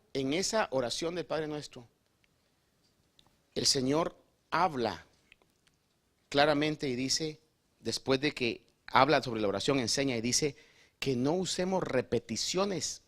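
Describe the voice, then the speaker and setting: Animated bright-voiced male pastor preaching. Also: medium pitch, unhurried, pauses often. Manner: animated, acts out quotes, addresses listeners as "hermano". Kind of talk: sermon with storytelling. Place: church in Long Island, New York.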